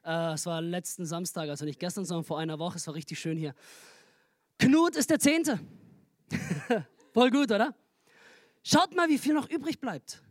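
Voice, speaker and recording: A man's voice: high voice, moderate pace, long pauses, no echo, studio quality. A man pastor giving a humorous, chatty sermon from a church stage, speaking into a handheld mic. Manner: humorous, chatty, laughs at own jokes.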